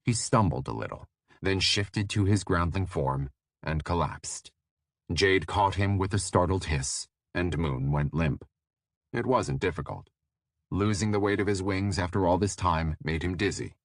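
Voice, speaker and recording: Deep, dry male narrator for fantasy audiobook; steady, measured read. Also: dry recording.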